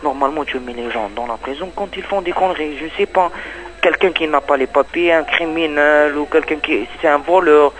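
A man speaks French as a second language, with non-native phrasing, in an agitated personal testimony. He circles back and repeats himself as he talks, and his voice sits somewhat high for a man. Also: normal speed, music in the background, low-quality recording. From Palestine. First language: not French. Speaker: undocumented migrant giving testimony.

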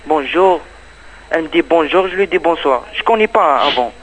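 A man speaks French as a second language, with non-native phrasing, in an agitated personal testimony. He circles back and repeats himself as he talks, and his voice sits somewhat high for a man. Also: lively intonation, normal speed, a bit bright, faint music behind, low-quality recording. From Palestine. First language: not French. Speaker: undocumented migrant giving testimony.

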